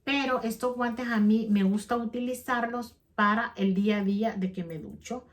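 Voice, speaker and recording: In a casual vlog, a middle-aged woman speaks right to her audience, rambling along and frequently restarting as she corrects herself. She has a slightly high voice, a steady tone and a moderate pace.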